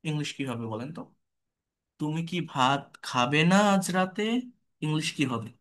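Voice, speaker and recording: High, lively Bengali man teaching English grammar. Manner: patient, slow, repeats example sentences. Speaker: English tutor. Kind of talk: spoken grammar lesson.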